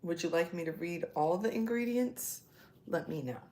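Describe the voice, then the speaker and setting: A woman hosts a casual cooking livestream from her home kitchen, hesitant and thinking aloud as she works. Her voice is fairly low and at normal speed, buried under heavy noise in an echoey room full of loud clattering dishes and cutlery.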